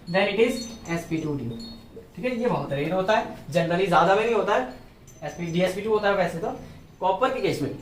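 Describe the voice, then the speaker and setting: A man's voice: sits high, slight background noise. A male chemistry teacher giving a classroom lecture, explaining step by step and checking in with his students as he goes. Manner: explains step by step, keeps checking with "theek hai". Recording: echoey room, mic at a distance.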